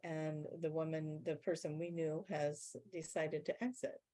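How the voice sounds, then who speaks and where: A woman channelling a guide being in a spiritual question-and-answer session, explaining in a measured way and slowing down to stress key words. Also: deep voice, little pitch movement, dark tone.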